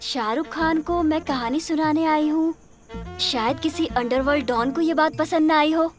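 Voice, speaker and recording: A woman's voice: high-pitched, moderate pace, music in the background, natural voice. A woman playing a naive but self-assured small-town young storyteller in a dubbed comedy film. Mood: puzzled.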